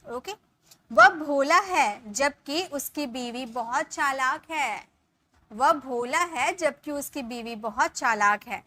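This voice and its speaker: A young woman teaches spoken English, slowly dictating example sentences and letting sentence ends fade. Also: high-pitched, bright, forceful tone.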